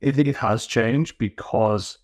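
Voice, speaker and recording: A man from Newcastle with a mixed northern English accent, a podcast guest telling his story in relaxed casual chat, often restarting his sentences. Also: mid-range voice, measured pace, dry recording, clean studio sound. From Newcastle, England.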